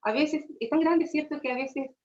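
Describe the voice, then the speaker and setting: A woman's voice: high voice, normal speed. Chilean woman preaching in an echoey church. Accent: Chilean Spanish. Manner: tags nearly every phrase with a questioning aside, addresses listeners as brothers. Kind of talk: sermon. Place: church hall. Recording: echoey church room, dull lo-fi sound.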